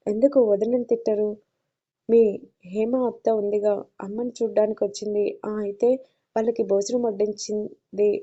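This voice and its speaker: Woman voicing a worried middle-aged uncle, confiding, dark flat voice, lo-fi audio. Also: medium pitch, moderate pace, pauses often, lightly acted. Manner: gentle, confiding, advising.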